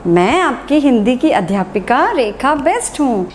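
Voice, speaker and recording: A woman Hindi teacher giving a slow, sing-song lesson to young children, asking questions and answering them herself. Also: fairly high pitch, big pitch swings, roomy sound, a little hiss or hum.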